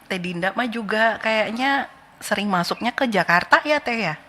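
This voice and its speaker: A woman hosting a relaxed radio call-in show, chatting with callers and laughing often. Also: medium pitch, slight background noise. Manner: chatty, laughs often, many quick back-channel hums. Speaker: radio host. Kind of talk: casual on-air chat with callers.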